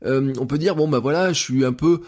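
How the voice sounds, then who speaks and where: A man's voice: medium pitch, a little fast, a little mellow. A man in his thirties hosting a solo podcast, talking to listeners in a loose, conversational way with many fillers. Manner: conversational, full of fillers, addresses listeners directly. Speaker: podcast host. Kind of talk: casual solo podcast monologue.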